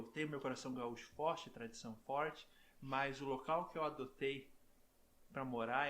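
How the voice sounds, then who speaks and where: A middle-aged man from southern Brazil, a professor talking as a guest in a relaxed interview, chatty and full of "né?" tags and restarts. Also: mid-range voice, a little hiss or hum.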